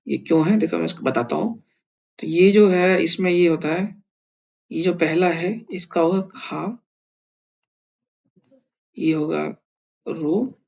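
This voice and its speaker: A man with a high voice and vocal fry teaches a language lesson, slowly explaining and patiently sounding out each syllable one at a time.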